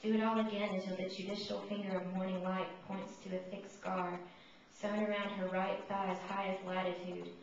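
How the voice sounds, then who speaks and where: A woman giving a poetry reading, reciting her own verse in measured, solemn short phrases. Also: mid-range voice, little pitch movement. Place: reverberant indoor room, live reading. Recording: distant, muffled, echoey room with noise.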